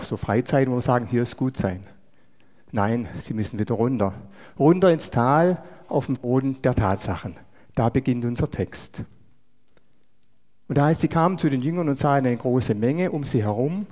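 A man delivers a sermon in a warm, mellow voice of middling pitch. He speaks in a measured way and often turns to the listeners with rhetorical questions. His voice rings out with a long reverb, as in a large church hall. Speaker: preacher.

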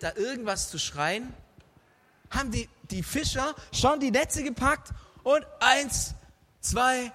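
A man telling a Bible story to a group, lively and dramatic, often turning to ask his listeners questions. His voice is high and bright. The sound has a long hall reverb.

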